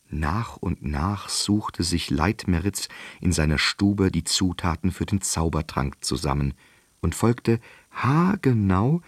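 A man's voice: low voice, slightly rough, no room sound. A man narrating a fairy tale for a radio story. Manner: slow, expressive storytelling.

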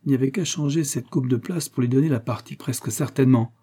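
Guy reading an adventure audiobook, steady and measured, husky mellow voice. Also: medium pitch. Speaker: narrator. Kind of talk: audiobook narration.

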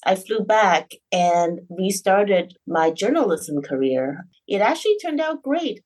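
A woman with a bright, enthusiastic, chatty manner, talking casually as a co-host on a science show. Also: mid-range voice, slightly rough, low-quality recording. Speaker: new co-host, reporter and clean energy advocate.

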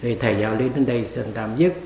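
A man's voice: medium pitch, quick pace, warm tone, slight background noise. A man, a monk, giving a dharma talk at a retreat, telling a story and acting out its characters in dialogue. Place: meditation hall. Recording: echoey hall.

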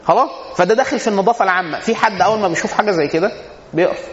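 Speaking rapid-fire in a high voice over background noise, this Egyptian-accented man delivers a casual religious lesson full of funny anecdotes and self-answered rhetorical questions. The sound is dull and lo-fi, recorded in a hall with echo.

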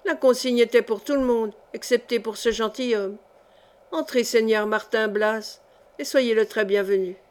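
A woman voicing a cold, calculating male seneschal in an audiobook, measured and insinuating. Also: on the high side, darkish tone, lightly acted. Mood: sinister. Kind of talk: audiobook character reading.

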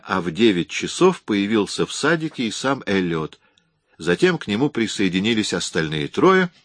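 A man narrating an audiobook in an even, measured storytelling manner. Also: fairly low pitch, no room sound, clean studio sound. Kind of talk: scripted narration.

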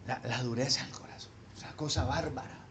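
A man preaching a sermon as pastor. He talks straight to his listeners with rhetorical questions and swings from hushed low asides to loud emphatic peaks. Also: fairly even intonation, quick pace, noisy background.

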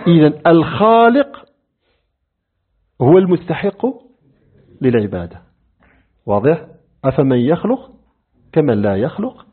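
A man's voice: medium pitch, big pitch swings, normal speed, pauses often, slightly rough. A man teaching a classroom lesson on religious creed, who often quizzes his students by name and repeats key points for emphasis. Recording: thin phone-like lo-fi recording.

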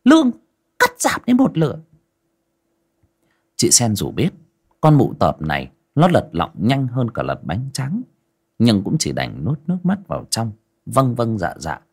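A narrator reading a story aloud with dramatic, expressive delivery. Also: medium pitch, creaky, breathy edge.

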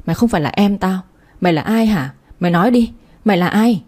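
A woman's voice: mid-range voice, animated, quick pace, darkish tone, lightly acted. A woman voicing a bitter elder sister who speaks bluntly and harshly, full of scorn. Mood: scornful accusing.

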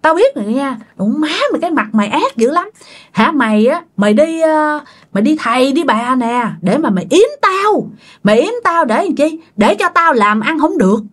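A woman with a Southern Vietnamese accent voicing an angry young husband who shouts accusations at his former partner in a told ghost story. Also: expressive, normal speed. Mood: furious. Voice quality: shrill, accusing.

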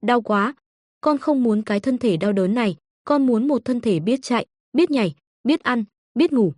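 A small, obedient boy, worn out by illness, put on by a woman narrator. The voice sits higher than her own, soft and childlike, with a pleading lilt. It is recorded close and dry, with no room sound. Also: lively intonation, moderate pace, no echo. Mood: weary pleading.

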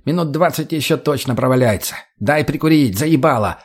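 A man's voice: medium pitch, expressive, brisk, slightly rough. A man reading an audiobook, voicing a lazy, crude stoner who drawls and mocks. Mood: mocking. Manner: drawling, swearing, mocking.

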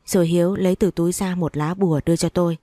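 A woman narrates a first-person story with a calm, even delivery. Her voice sits low and mellow. The sound is dry and close, with no room around it. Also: fast talker, dry recording. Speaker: audiobook narrator.

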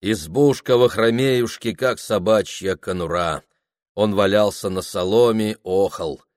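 A male audiobook reader narrates a novel in a measured, dramatic way. His voice sits fairly low, and he takes his time over every phrase. The recording is dry and close. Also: no room sound. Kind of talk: scripted literary narration.

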